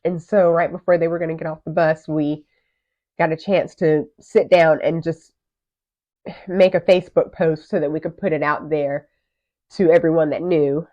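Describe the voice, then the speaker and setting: A woman in her thirties, co-hosting a podcast and telling a personal story in a candid, animated way. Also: sits low, normal speed. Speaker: podcast co-host. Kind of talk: casual chat. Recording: muffled lo-fi audio.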